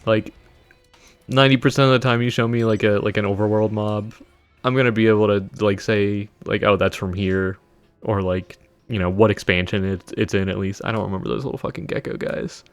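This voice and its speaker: A man's voice: fairly low pitch, steady tone, brisk, clear, resonant tone, no room sound, soft background music. A man casually chatting while streaming a video game, loose and sweary with frequent laughs. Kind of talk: casual gameplay livestream chat.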